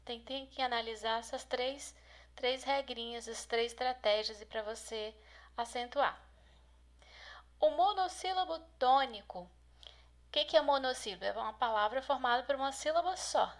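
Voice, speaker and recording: A woman teacher giving a lesson, explaining patiently with many examples and slowly stressing the key syllables. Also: a little high. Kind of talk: classroom lesson.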